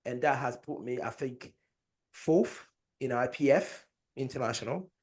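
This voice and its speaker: A man's voice: mid-range voice, unhurried, darkish tone, breathy edge. A man co-hosting a casual podcast chat, talking in a boastful, joking way and laughing often. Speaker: podcast co-host and powerlifter.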